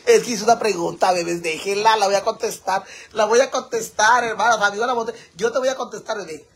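A man's voice: high voice, fairly even intonation, fairly quick, a bit bright. A man with a Mexican accent hosting a casual livestream, flamboyant and campy as he answers viewer comments and laughs often. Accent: Mexican Spanish.

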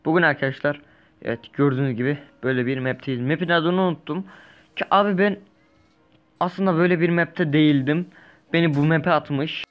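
A young man casually commenting while he plays a survival game, rambling, correcting himself and breaking into lively bursts. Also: on the high side, brisk, dull audio. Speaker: gaming YouTuber. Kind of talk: casual let's-play commentary.

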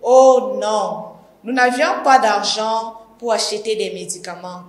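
A woman's voice: medium pitch, a little slow, close to an everyday voice. A woman with a Cameroonian French accent voicing a poor young peasant girl, earnest and pleading. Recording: echoey room.

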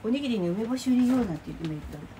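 A woman's voice: on the high side, expressive, racing, dark tone. Middle-aged woman rambling while making bento at home, voice jumps up and down a lot, mic a bit far off. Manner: chatty, rambling, exclaims and laughs as she works. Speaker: vlogger cooking lunch boxes. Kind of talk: casual chat while cooking. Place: home kitchen. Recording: distant mic, clear kitchen noise.

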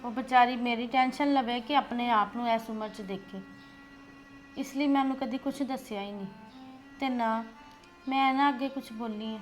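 A woman playing a meek elder sister-in-law in a family drama, soft and resigned. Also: fairly high pitch, fairly even intonation, moderate pace, soft background music, natural voice.

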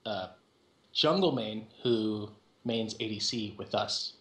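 A man's voice: on the low side, takes it slowly. A man chatting casually with his gaming team as they plan their picks. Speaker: team player planning champion picks. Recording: roomy, echoey voice-chat sound.

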